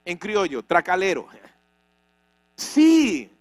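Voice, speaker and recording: Male pastor, high-ish voice, dry sound, dramatic sermon delivery. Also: wildly swooping pitch, drawn-out words, dry recording. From Venezuela. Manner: dramatic, rhetorical questions, acts out quoted voices. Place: church.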